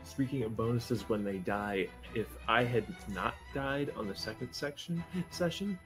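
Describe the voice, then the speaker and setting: A man's voice: medium pitch, measured pace, over music. A man in a casual gaming podcast chat, speaking in a matter-of-fact, slightly defensive way.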